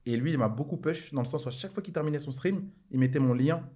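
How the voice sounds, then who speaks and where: Fast-talking man telling stories. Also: medium pitch, warm tone. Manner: slangy, rapid, full of fillers like genre and en mode. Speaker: podcast guest. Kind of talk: casual storytelling chat.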